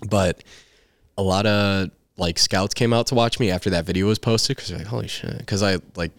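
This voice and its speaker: A young man, a baseball player, casually telling his story as a podcast guest, animated and swearing freely. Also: low voice, normal speed, no room sound, clean studio sound. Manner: animated, swears freely, acts out quoted voices.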